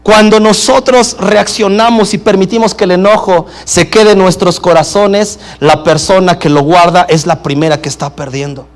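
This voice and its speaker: A man's voice: sits high, fairly even intonation, moderate pace, hardly any pauses. A male pastor preaching a sermon, prompting the congregation to answer back. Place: church service in a home gathering.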